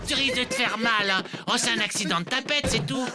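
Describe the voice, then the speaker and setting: An actor voicing a big, gentle, naive cartoon slug with a simple, friendly way of talking. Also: medium pitch, quick pace, loud music behind the voice, lightly acted. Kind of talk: animated cartoon dubbing.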